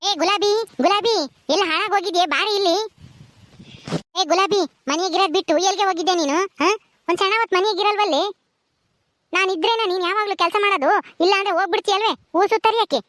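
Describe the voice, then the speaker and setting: A woman's voice: very high-pitched, fast, dry recording. A woman with a rural Karnataka accent plays a bossy, short-tempered mistress of a village house who nags and scolds. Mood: scolding. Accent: rural Karnataka Kannada. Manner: scolding, nagging, sharp-tongued. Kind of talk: homemade village drama.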